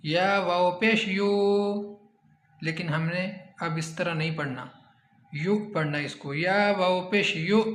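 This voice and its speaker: A man teaching Quran recitation, spelling out Arabic words letter by letter and chanting the recited words slowly. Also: a little high, a bit bright, echoey room, slight background noise. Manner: slow, drawn-out chanting when reciting.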